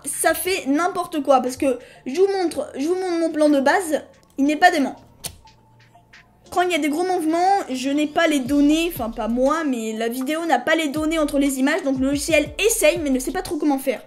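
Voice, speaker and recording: A woman hosting a casual screen-recorded software tutorial. She talks in a chatty, hesitant way, restarts her sentences and apologizes to viewers now and then. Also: high voice. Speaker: tutorial host.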